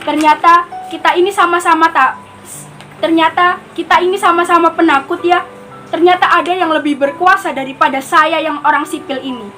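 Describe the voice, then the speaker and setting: Stage monologue: a schoolgirl as a lonely jailed prisoner, high-voiced, bossy and suspicious, faint music under it. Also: steady tone, normal speed, bright, forceful tone, poor audio. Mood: pleading. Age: teens. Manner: scolding, swinging from pleading to threatening. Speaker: student performing a monologue. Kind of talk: theatrical monologue.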